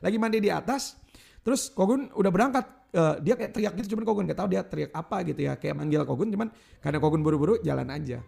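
A man in his thirties preaches to a youth church service in a high, heavily gravelly voice. He calls for the crowd's responses and slips into casual storytelling. He refers to himself in the third person. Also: expressive, quick pace, darkish tone. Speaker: youth pastor. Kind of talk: sermon.

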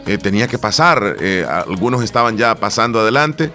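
A man's voice: lowish voice, a little fast, faint music behind. Man telling a story animatedly. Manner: animated storytelling, acts out quotes, many restarts. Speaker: co-host. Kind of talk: casual chat.

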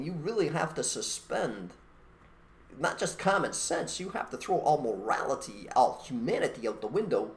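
A podcast co-host delivers an opinionated monologue in conversational style, speaking bluntly and emphatically as he makes rhetorical points. His voice is medium-pitched, with a little hiss or hum on the recording.

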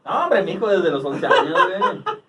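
A man's voice: high-pitched, sing-song, moderate pace, muffled recording, heavy background noise. A young Mexican man joking with crude slang during a casual beer-tasting chat. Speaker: co-host. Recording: voice a bit far from the mic.

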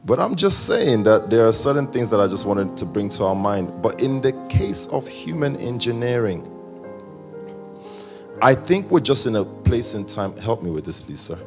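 Male pastor, chatty joking sermon delivery; low, gravelly, faint instruments underneath. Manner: conversational, joking, rambling asides.

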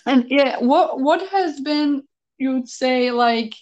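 Slow-talking woman host, muffled sound. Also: high voice, darkish tone. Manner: halting, searching for words with many fillers. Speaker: interviewer host. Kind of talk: casual interview questions.

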